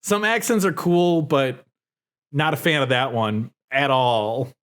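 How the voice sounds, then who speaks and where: A man's voice: mid-range voice, slow pace, clean tone. A man co-hosting a podcast, telling stories in casual chat, rambling and profane with lots of fillers. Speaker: podcast co-host.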